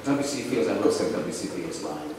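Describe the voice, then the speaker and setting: A man's voice: low voice, animated, normal speed, darkish tone. Echoey, chatty southern English man on stage. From Essex, England. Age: middle-aged. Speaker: comics curator and panel speaker. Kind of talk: live on-stage conversation. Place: large echoey room, public festival talk. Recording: echoey hall from far off, faint noise.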